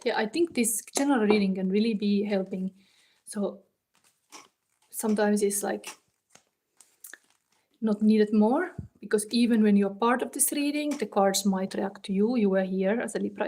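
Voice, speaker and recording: A woman from Finland reads tarot on a live stream in a laid-back way, talking to viewers in faltering, non-native English with a Finnish accent as she works through her thoughts. Her voice is dark and medium in pitch, captured by a phone in a warm indoor room.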